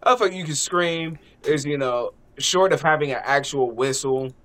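A man's voice: fairly high pitch, moderate pace, fairly bright tone. A man co-hosting a podcast, a parent, talking in loose, profane, joking banter with frequent laughs. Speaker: podcast co-host. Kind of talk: casual chat.

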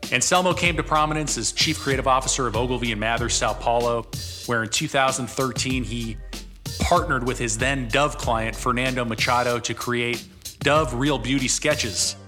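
A man's voice: medium pitch, moderate pace, sharp tone, faint music behind. A man hosting a podcast, reading an upbeat intro with casual slang and interviewing a guest. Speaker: podcast host.

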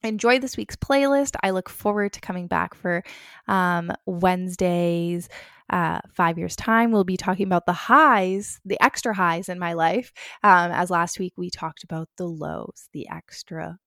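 A young woman hosting a casual motivational podcast, giving chatty, upbeat advice in a creaky voice with girlish slang. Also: lowish voice, measured pace, fairly bright tone, no room sound, clean studio sound. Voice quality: creaky vocal fry. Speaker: podcast host.

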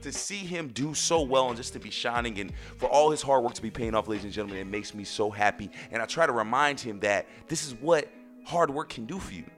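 A man speaks as the host of a casual solo podcast. His voice is mid-pitched and his delivery emphatic, with phrases repeated for effect. Faint music sits behind him. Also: brisk, fairly bright tone.

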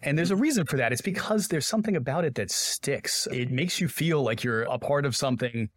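A man's voice: medium pitch, animated, a little fast, dry recording, clean studio sound. A man co-hosting a podcast, musing in casual chat and swearing loosely. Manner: reflective, profane, laughs often. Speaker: podcast co-host.

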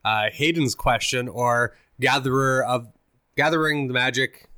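Bright-voiced man on a podcast. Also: medium pitch, measured pace. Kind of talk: casual podcast chat.

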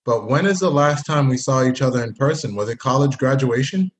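Brisk and animated, a medium-pitched man hosts a podcast, bantering with and teasing his old college friend in a laid-back interview. His family is Haitian, and he spent part of his youth in Canada.

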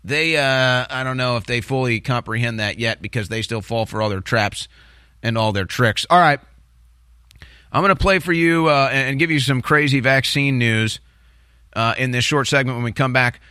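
Bright-voiced American man, conspiratorial political rant. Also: mid-range voice, moderate pace, clean tone, no room sound, clean studio sound. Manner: agitated, conspiratorial, distrustful. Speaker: talk show host. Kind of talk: opinionated political commentary rant. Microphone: close studio microphone. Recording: music bed behind the voice.

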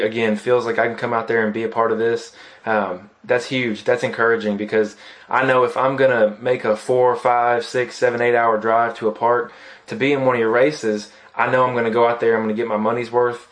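A man hosting a podcast interview, easygoing and encouraging, often restarting his sentences and saying "man.". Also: mid-range voice. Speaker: podcast host. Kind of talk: casual interview chat.

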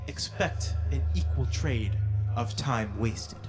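Fantasy game fey queen played by a man: regal fae noble, quiet, haughty and displeased, measured phrasing, faint music underneath. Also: mid-range voice, animated. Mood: stern, demanding. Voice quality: hushed, harsh-edged. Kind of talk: fantasy tabletop role-play.

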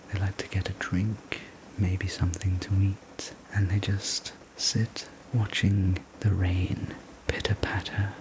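A man telling a sleep story as a whispered role-play, gentle, soothing and unhurried, speaking as a server looking after a guest. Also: sits low, background noise. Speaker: sleep story narrator playing a night-shift diner server.

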